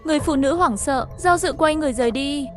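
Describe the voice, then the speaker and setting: A woman telling a horror story in a steady, even storytelling voice, as the channel's narrator and dubber. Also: high voice, quick pace, soft background music.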